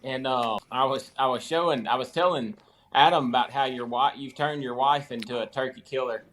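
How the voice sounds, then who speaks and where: A man's voice: medium pitch, fairly quick, a bit bright. A man, co-hosting a casual podcast with chatty asides. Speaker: podcast co-host.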